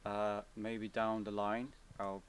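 Young Swedish-accented man, casual and halting, level low delivery, recorded outdoors from a few feet away. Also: distant mic, a little hiss or hum. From Sweden. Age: young adult. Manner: relaxed, hesitant, many fillers and restarts. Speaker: vlogger. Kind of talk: casual Q&A answers. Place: outdoors, seated on a cabin bench by woods.

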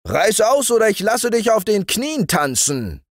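A man voicing a bold young shepherd who shouts defiantly at giants. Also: mid-range voice, very animated, unhurried, breathy edge, dry recording, studio quality, voice pushed up. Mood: shouting.

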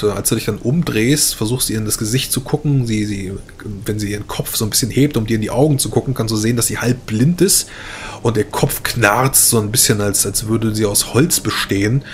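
German dude running a tabletop horror game, lowish voice, umming a lot, faint hiss. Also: male voice. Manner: hesitant, many fillers. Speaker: game master.

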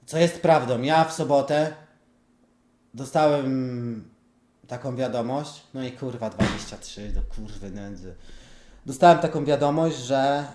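A man with a missing front tooth, talking casually to viewers in a blunt, halting, sweary way. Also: mid-range voice, a little mellow. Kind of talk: casual vlog talk to viewers. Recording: echoey room.

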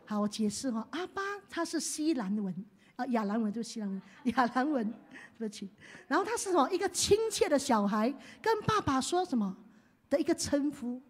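A woman pastor preaching a sermon. She swings from hushed to loud and leads the congregation in call-and-response. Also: high-pitched, lively intonation, fairly quick, husky.

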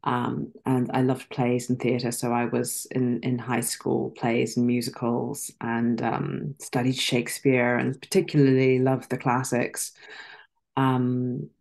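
Woman, middle-aged, from Zimbabwe, gravelly voice, articulate, reflective, video call interview. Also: a bass voice, monotone, a little slow. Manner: articulate, reflective, with soft laughs and filler ums. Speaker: actress and guest. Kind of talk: casual interview chat. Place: dim room at home.

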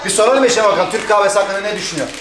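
Thracian Turkish man, excitable vlog host, quick patter, echoey room with music behind. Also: sits high, crowd noise. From Turkey. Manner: excited, chatty, laughing often. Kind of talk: casual vlog chat.

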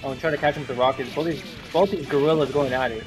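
A man giving excitable, joking color commentary during a live fighting game stream. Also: medium pitch, rapid-fire, over music.

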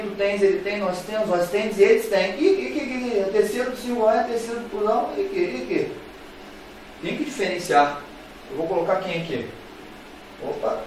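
Man, Brazilian accent, teacher, playful, high voice, very echoey room, faint background noise. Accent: Brazilian Portuguese. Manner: playful, repetitive, addresses students directly. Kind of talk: classroom grammar lesson. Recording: very echoey room, voice far from mic.

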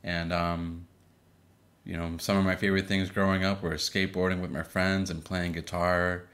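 A man from Boston in his thirties, co-hosting a casual podcast with his wife, relaxed and full of fillers. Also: low-pitched, moderate pace. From Boston, Massachusetts. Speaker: podcast co-host. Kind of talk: casual chat.

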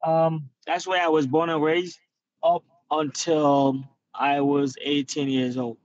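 A man's voice: fairly high pitch, little pitch movement, slow, darkish tone. A man in his twenties from Nigeria, answering interview questions on a video call from his car in an earnest, reflective way. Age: 20s. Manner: earnest, reflective, many fillers. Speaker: guest fighter. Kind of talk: casual interview talk. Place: in a parked car. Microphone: phone camera on video call. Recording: dull lo-fi video call audio.

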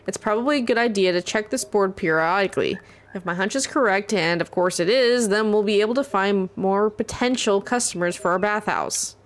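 A woman's voice: medium pitch, a little fast, lightly acted. A woman reading aloud the lines of a bossy, money-hungry cat spirit in a video game, in a sarcastic, condescending way.

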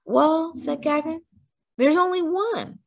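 A thoughtful young boy in a storybook, as a woman reader puts him on. He speaks gently and with wonder, his voice set high. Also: slow, creaky, dry recording, heavily acted.

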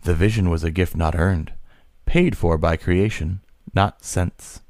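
A man, a podcast co-host, reading a short science-fiction story aloud at a slow, measured pace, sometimes stumbling over a word. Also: low-pitched, darkish tone, no room sound, studio quality.

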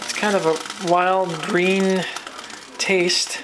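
Drawing out his words in a high voice, a relaxed home cook from New Brunswick, Canada, rambles through a casual kitchen vlog, restarting often and leaning on fillers. The handheld-camera recording has a noisy background.

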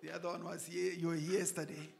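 A middle-aged Southern African man with a hoarse, raspy, nearly lost voice, giving a church welcome in short phrases as a pastor. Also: fairly high pitch, flat delivery, fast talker, a loud crowd, very noisy. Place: indoor church service at a lectern. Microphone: stand microphone close to mouth.

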